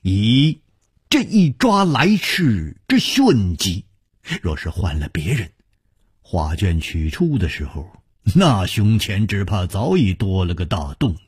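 Male storyteller, husky and slow, animated delivery, dry close sound. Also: no room sound. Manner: dramatic, drawn-out delivery with sudden high exclamations. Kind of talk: traditional Chinese oral storytelling.

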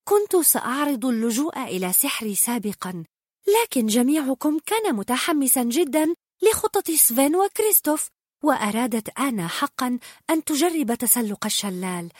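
A gentle, shy young storybook queen who speaks softly and modestly. A woman acts her out in a fairly high voice that moves around a lot. The sound is dry and close. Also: lively intonation, a little fast, breathy edge, dry recording. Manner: soft, modest.

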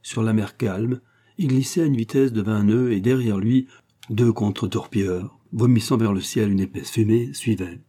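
A man narrating an adventure novel in a measured, steady audiobook reading. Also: fairly low pitch.

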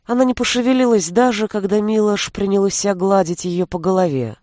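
A woman reading an audiobook aloud in an even, measured storytelling manner. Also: medium pitch, no echo, clean studio sound. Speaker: narrator. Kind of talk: audiobook narration.

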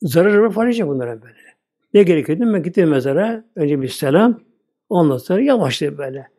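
Older male preacher, slightly high, mellow voice, rambling informal sermon, repeats a filler word, unhurried. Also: animated. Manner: rambling, repeats "böyle" constantly. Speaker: religious teacher. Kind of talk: informal religious talk.

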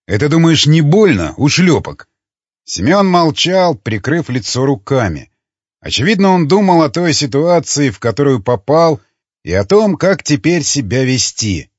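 Male audiobook narrator, husky and expressive; dull lo-fi recording. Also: a little high, moderate pace, no room sound.

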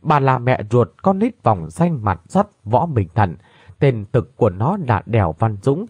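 A man's voice: mid-range voice, sing-song, unhurried, a little mellow, no room sound. A man voicing a grieving middle-aged mother who tells her story through sobs in a read-aloud tale. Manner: sobbing, trembling lament.

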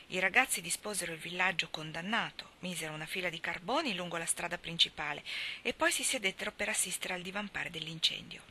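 A woman reading a novel aloud as a storyteller, softly, at times dropping to a whisper. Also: on the low side, slight background noise. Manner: soft, sometimes dropping to a whisper. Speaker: reader. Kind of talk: scripted narration.

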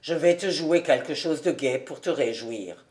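Woman putting on a lower boastful bachelor's voice. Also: animated, unhurried, a little mellow. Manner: lowered voice, bluff and self-satisfied. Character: jovial middle-aged bachelor man, boastful.

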